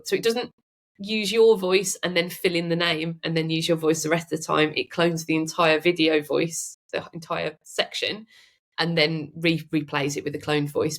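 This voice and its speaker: Podcast guest: a chatty woman with a lowish voice who laughs a lot. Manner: lively and chatty, laughs often. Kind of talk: casual interview chat.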